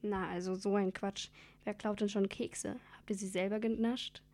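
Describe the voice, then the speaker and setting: A scoffing man selling punch at a market stall, as a woman puts him on. Mellow tone with a flat delivery. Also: mid-range voice, moderate pace, natural voice. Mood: mocking.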